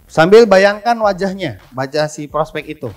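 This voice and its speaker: A man's voice: high-pitched, expressive, moderate pace, faint music behind. A man, teaching a live persuasion seminar, quizzing and joking with the room. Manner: coaching, quizzing the audience, joking. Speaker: persuasion trainer.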